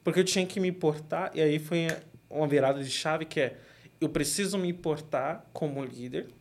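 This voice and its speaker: A young man from Brazil with a São Paulo accent, talking casually as an interview guest, relaxed and quick to laugh. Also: a little high, slight background noise. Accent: São Paulo Portuguese. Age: young adult.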